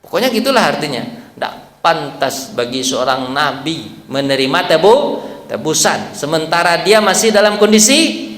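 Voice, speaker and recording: A man's voice: a little high, big pitch swings, moderate pace, fairly bright tone. A man preaching a sermon in a mosque, talking in a conversational way and often turning to the congregation with questions. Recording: echoey hall reverb.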